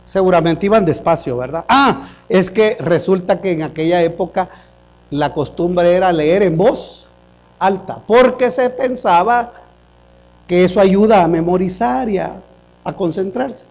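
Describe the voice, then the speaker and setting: High-voiced man preaching a sermon. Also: animated, a little slow, a little mellow. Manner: questions the congregation, often says hermanos. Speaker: pastor. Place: church service. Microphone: microphone.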